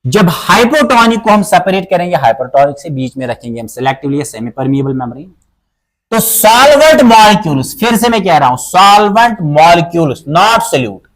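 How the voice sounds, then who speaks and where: A man teaching a class, his voice fairly high and swinging widely in pitch. He keeps asking questions and answering them himself, hammering key words again and again. When he reaches a definition, he slows down and spells it out word by word. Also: a bit bright, rough recording. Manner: repeats terms and asks himself questions, then answers. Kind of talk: board lesson explaining biology.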